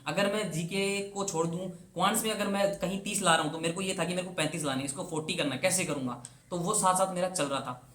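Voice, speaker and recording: A man's voice: high voice, a bit bright. A young man giving a casual, earnest motivational talk to exam aspirants. He talks chattily, drops English words into his speech, and keeps repeating his advice to push the point. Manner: earnest, urging and repetitive. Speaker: banking exam coach. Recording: roomy echo.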